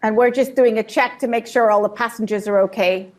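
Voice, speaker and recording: A woman telling a personal story in short, vivid bursts and pausing for an interpreter. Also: a little high, steady tone. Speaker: guest speaker. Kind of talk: personal testimony with live interpreter.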